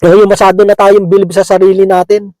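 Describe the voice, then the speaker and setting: A man's voice: sits high, little pitch movement, fast, a little mellow, no room sound, poor audio. A man preaching a conversational sermon, chuckling often and checking in with his listeners, slipping English words into his talk. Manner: chatty, keeps asking "di ba?", chuckles often.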